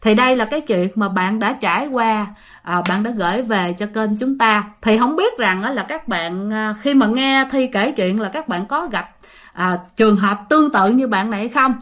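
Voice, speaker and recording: Female host, higher voice, chatty ghost-story teller who talks straight to listeners. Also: moderate pace, a bit bright. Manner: chatty, addresses listeners directly, many fillers. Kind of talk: casual storytelling.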